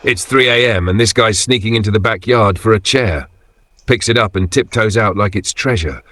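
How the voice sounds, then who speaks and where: Low-voiced man, wry casual clip narration. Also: normal speed, a bit bright, no echo, clean studio sound. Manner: slangy, wry, punchy short phrases. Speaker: video narrator. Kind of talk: casual scripted commentary on video clips.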